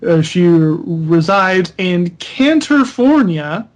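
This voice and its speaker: Male podcast host, light high voice, reads text aloud and breaks off to critique it. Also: very animated, extremely slow, lo-fi sound. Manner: reads a character bio aloud, stopping to mock and correct it.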